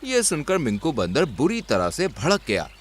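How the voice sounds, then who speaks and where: A man's voice: fairly high pitch, moderate pace, slight background noise. A man narrating a children's cartoon story expressively. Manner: expressive and lively.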